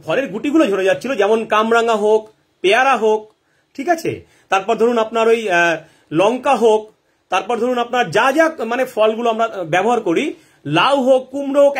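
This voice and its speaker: A man gives gardening advice on a live stream. His voice sits high for a man and swoops up and down, and he keeps posing questions to himself and checking that viewers follow. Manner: animated, asks rhetorical questions and answers them, checks in with listeners.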